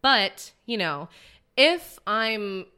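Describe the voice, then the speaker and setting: Speaking very slowly in a sing-song, medium-pitched voice that is sharp, clear and resonant, a twenty-something woman guests on a casual podcast. She rambles earnestly about her acting work, peppering it with "like" and restarting sentences.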